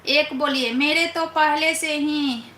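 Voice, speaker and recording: A woman's voice: high voice, fairly even intonation, bright, forceful tone, soft background music. A young woman hosting a casual live stream, teasing viewers and reading their comments aloud. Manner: teasing, playful, drawn-out questioning. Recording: echoey room, faint background noise.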